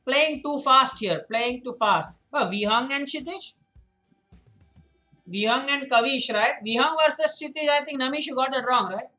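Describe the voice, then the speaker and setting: This man coaches chess on a live stream with a very high, bright, forceful voice at a moderate pace, faint music behind him and low-quality sound. He lays out moves, corrects students by name, repeats points to reinforce them, and reads the chat aloud to respond.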